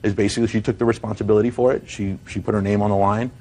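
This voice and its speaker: A man's voice: fairly low pitch, little pitch movement, rapid-fire, a little mellow. A man testifying as a defendant in a TV court, rambling, repeating himself and defending himself. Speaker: defendant in a TV small-claims court. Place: TV courtroom studio.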